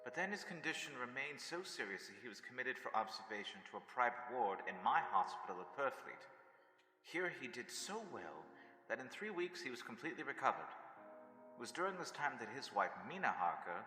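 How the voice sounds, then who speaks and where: A man playing an earnest doctor in an old-time radio drama, speaking in a measured, formal, grim way. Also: medium pitch, sing-song, bright, forceful tone, faint music behind. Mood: measured, grave. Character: earnest male doctor narrating his grim personal records. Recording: echoey hall with long reverb.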